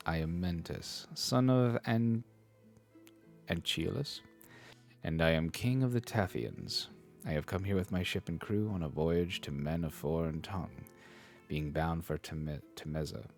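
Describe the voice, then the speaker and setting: A man voicing a goddess in the guise of a sea king answers in a deep, steady, formal voice. Soft music plays faintly underneath. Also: a little slow, vocal fry. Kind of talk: reading a classic epic aloud on stream.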